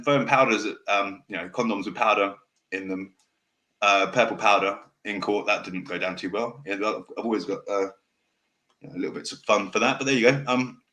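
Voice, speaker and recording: Male podcast host, lowish voice, w-for-r speech, direct and passionate, unscripted and rambling, sweary. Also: pushed and bright. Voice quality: can't pronounce R's properly, saying w for r. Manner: fast, direct, passionate delivery that can sound angry; rambling, loses his thread and restarts. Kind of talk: off-the-cuff casual monologue.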